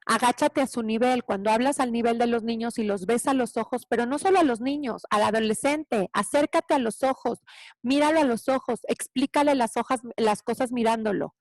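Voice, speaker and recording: Animated woman teacher, bright voice. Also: on the high side, a little fast, dry recording. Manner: animated, acts out child voices. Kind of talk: parenting talk.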